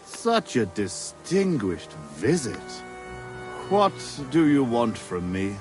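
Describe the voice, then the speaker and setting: An actor playing a crude, proud bandit camp leader in a video game, blunt, domineering and scornful. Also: male voice, mid-range voice, big pitch swings, takes it slowly, music in the background. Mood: impatient, scornful. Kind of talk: video game dialogue acting.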